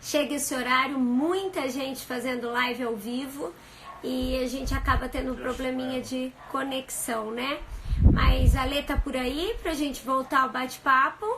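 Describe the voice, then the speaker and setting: An upbeat, playful woman hosting a live-stream talk, with a high voice. Faint background noise sits under her speech. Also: steady tone, unhurried. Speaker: host.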